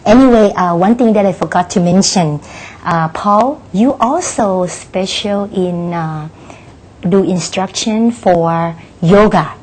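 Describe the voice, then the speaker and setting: A woman hosting an interview program, friendly and halting, with many fillers. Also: mid-range voice, a little mellow, poor audio. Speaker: program host. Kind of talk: casual interview.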